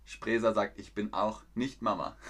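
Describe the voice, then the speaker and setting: A young man hosting a live lesson quiz, lively and encouraging, reading chat messages aloud and laughing often. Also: fairly low pitch, takes it slowly. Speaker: German teacher hosting a live class.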